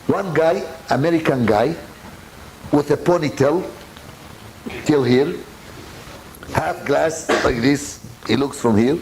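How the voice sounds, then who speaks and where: A man's voice: fairly high pitch, takes it slowly, pauses often, slight background noise, poor audio. A man giving a Torah lecture as a rabbi, telling stories in broken English with Hebrew words mixed in and acting out both sides of each dialogue. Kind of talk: storytelling sermon.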